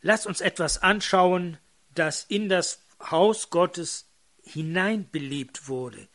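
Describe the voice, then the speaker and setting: A man's voice: high-pitched, takes it slowly, a bit bright. A man preaching a fervent sermon, quoting scripture and calling out exclamations to his congregation.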